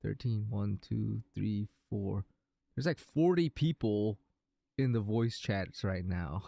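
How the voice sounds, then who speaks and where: A man's voice: fairly low pitch, expressive, takes it slowly, vocal fry, mellow, no room sound. A man streaming a game, chatting casually with viewers in a hesitant, rambling way, thinking aloud.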